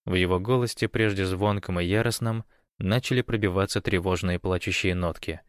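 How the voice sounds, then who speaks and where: A man's voice: sits low, steady tone, a little fast, clean tone, dry recording, clean studio sound. A man narrating an audiobook in a scripted reading.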